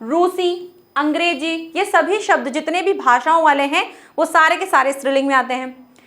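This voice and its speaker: A high-pitched woman teaches a grammar lesson. She keeps asking questions and answering them herself, and she repeats each example phrase. Her delivery is patient and explanatory. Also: moderate pace, a bit bright. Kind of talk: classroom-style grammar lesson.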